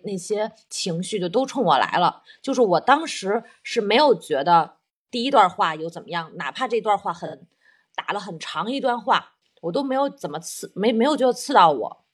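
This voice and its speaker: Woman, mid-pitch, slightly raspy; reflective, earnest storyteller in casual conversation. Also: lively intonation, brisk. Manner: earnest, self-reflective, explains at length.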